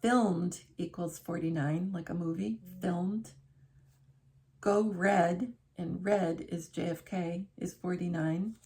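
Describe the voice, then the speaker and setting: Speaking slowly with a warm, fairly low voice and fairly even intonation, a middle-aged woman chats to camera from her living room armchair. Her vlog is casual and rambling, full of self-corrections and restarts.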